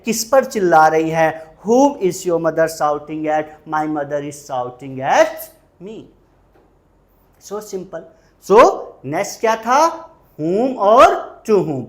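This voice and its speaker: A man with an Indian accent teaching English grammar in a mix of Hindi and English, repeating key words and quizzing the listener. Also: a little high. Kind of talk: bilingual grammar lesson.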